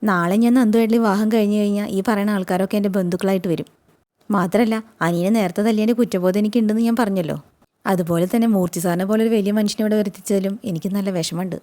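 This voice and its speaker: Woman racing through a serial recap, warm mellow voice, chatty. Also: medium pitch, fairly even intonation. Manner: rapid chatty retelling with frequent tag words. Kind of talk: retelling a TV serial episode.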